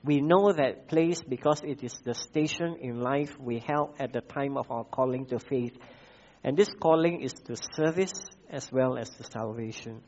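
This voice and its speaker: A man with a Malaysian English accent preaching a sermon, repeating key phrases and pausing with frequent "uh" fillers. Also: medium pitch, darkish tone, lo-fi sound. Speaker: pastor.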